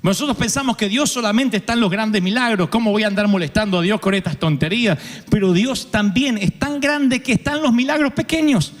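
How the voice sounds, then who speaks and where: A man's voice: high voice, fairly quick. A middle-aged man with an Argentine accent preaching a sermon, telling funny stories and acting out the voices of the people in them. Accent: Argentine Spanish. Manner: humorous storytelling, acts out voices. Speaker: pastor. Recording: long reverb of a large hall.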